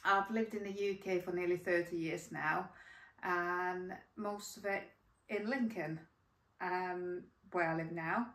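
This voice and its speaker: Speaking slowly in a lowish, steady, slightly bright voice, a middle-aged woman from Finland rambles through a casual podcast chat full of fillers. She records at home next to a yarn cupboard, in an echoey room, set back from the microphone.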